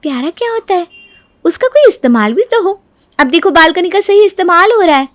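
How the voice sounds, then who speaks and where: A woman voicing a sharp-tongued young daughter-in-law who argues defiantly in a family storybook quarrel. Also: very high-pitched, lively intonation, fairly quick, voice pushed up. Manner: defiant, argumentative. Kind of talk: storybook character acting.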